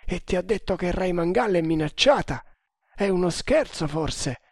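A man doing a panicked high-voiced strangler ally. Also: animated, normal speed, dry recording, studio quality. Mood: tense. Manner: high, shouted pleas. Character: frightened male strangler ally, urgent.

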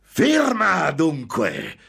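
A man voicing a gloating, impatient male demon who tempts a monk, drawing out his words slowly and menacingly. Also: fairly low pitch, expressive, pitched above the performer's own voice. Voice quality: slow, drawn-out menacing delivery.

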